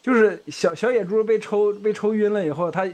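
A man's voice: high-pitched, brisk, a little mellow. A man co-hosting a casual podcast discussion, talking in a chatty way with laughs and hesitant restarts. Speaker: podcast co-host.

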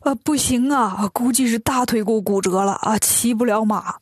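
A woman voicing a boastful, scheming male demon king in a children's story, with a sly, slow drawl. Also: on the high side, slightly rough, no room sound, studio quality. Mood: wheedling.

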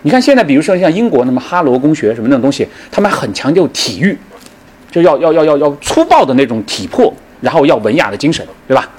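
In this public history talk, a middle-aged man quickly narrates events, playing the characters and quizzing his listeners with lively flair. His voice sits a little high, and a faint hiss or hum runs through the recording.

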